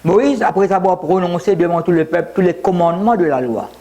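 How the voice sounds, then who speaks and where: The sermon comes from a Mauritian pastor in his seventies whose high, mellow voice moves briskly. The audio has its highs cut off and a little hiss or hum. He preaches with many repetitions and asides, briefly switching into English.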